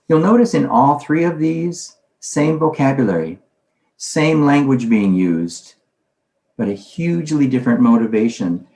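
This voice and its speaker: A man lectures on language teaching at a conference in a conversational style, regularly putting questions to himself aloud. His voice is medium in pitch and slightly mellow, and the recorded presentation has a roomy echo.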